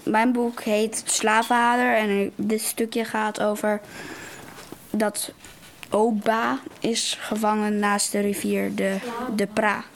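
A woman reading a passage from a book aloud, slowly and haltingly, repeating words. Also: medium pitch, flat delivery, noisy background.

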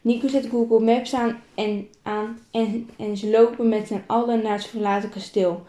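A woman's voice: fairly high pitch, flat delivery, normal speed, warm tone, roomy sound. A woman reading a self-written story aloud, plainly and with small repeats and restarts.

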